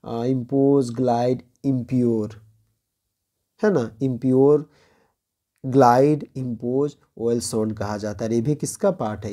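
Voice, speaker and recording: Dark-voiced Indian man teaching a lesson. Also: medium pitch. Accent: Indian English. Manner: explains slowly, reads English lines aloud slowly, checks in with "clear?". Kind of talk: exam-prep lecture.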